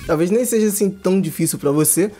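A young man giving excited, slangy, casual commentary while playing a game. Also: high voice, fast. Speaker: gaming YouTuber. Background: game music.

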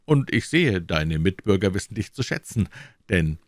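A man reading aloud and voicing an impatient, amused king who speaks briskly and commandingly. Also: sits low, sing-song, dry recording, studio quality.

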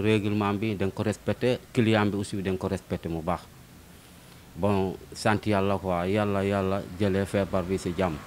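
A young barber from Senegal answers a street interview in his shop, speaking into a handheld mic. He talks earnestly and circles back to the same points. His voice sits low, with faint background hiss. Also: a little mellow. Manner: earnest, repeats himself. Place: barbershop, indoors. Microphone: handheld reporter's mic.

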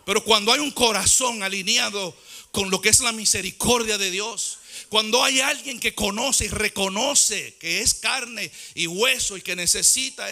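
A man's voice: high voice, pushed and bright. A man preaching a fervent sermon as pastor, often falling into a sung, chanting cadence.

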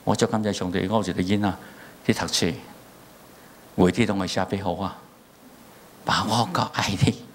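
Taiwanese-accented middle-aged pastor preaching. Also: male voice, low-pitched, fairly quick, long pauses, slight background noise. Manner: animated storytelling, acting out family dialogue in raised voices. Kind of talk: sermon. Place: church.

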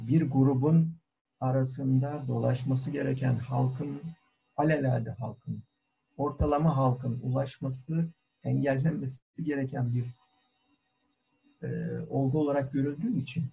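A man who is a cultural historian giving a formal online talk, deliberate and full of hesitant fillers, heard over call audio. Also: mid-range voice, gravelly, dark tone, husky, dull audio. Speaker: guest lecturer, cultural historian. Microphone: video call.

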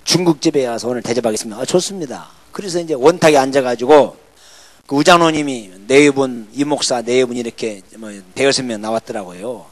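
A man's voice: medium pitch, brisk. An older man preaching a revival sermon, telling a story in a folksy way and acting out the people he quotes. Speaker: revival pastor. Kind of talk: sermon testimony with acted dialogue.

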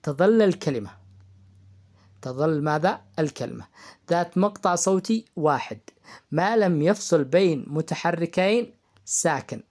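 Male teacher, high-school grammar lesson, asks and answers his own questions, repeats key terms. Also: lively intonation, moderate pace, pauses often, darkish tone. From Yemen. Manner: asks the class questions and answers them himself. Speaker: English teacher.

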